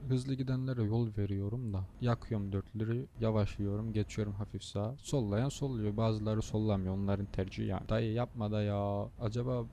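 A man's voice: lowish voice, fairly even intonation, a little fast, few pauses, warm tone. A tired young man hosting a gaming channel, chatting casually while he plays and grumbling at the traffic, swearing under his breath. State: tired, low on energy. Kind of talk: casual gameplay commentary.

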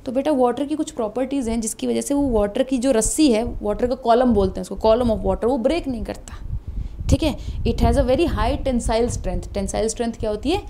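Animated woman teaching biology. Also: on the high side, moderate pace, a little hiss or hum. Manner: animated and coaxing, asks students questions, calls them beta. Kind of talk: exam-prep lecture.

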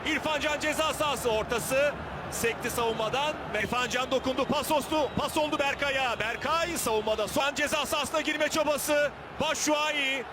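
A man giving live football match commentary, his voice rising into excited screams at big moments. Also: extremely high pitch, normal speed. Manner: screams excitedly at goals and chances. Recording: loud stadium noise behind voice. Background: stadium ambience.

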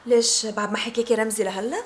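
A woman's voice: fairly high pitch, fairly even intonation, rapid-fire, slight background noise, natural voice. An actress playing a prodding, questioning female friend with a Lebanese accent in a TV drama. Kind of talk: TV drama acting.

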